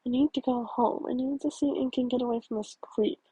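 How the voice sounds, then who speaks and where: A woman's voice: on the high side, fairly even intonation, a little fast, dark tone, husky, dry recording, poor audio. A woman voicing the story's stranded, frustrated young heroine with a defiant edge, in her own reading voice.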